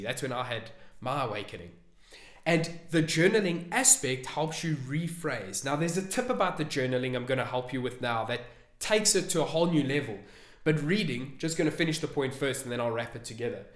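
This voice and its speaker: A man's voice: a little high, reverberant. A man giving casual spiritual advice in an earnest, enthusiastic way, with many fillers. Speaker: spiritual vlogger.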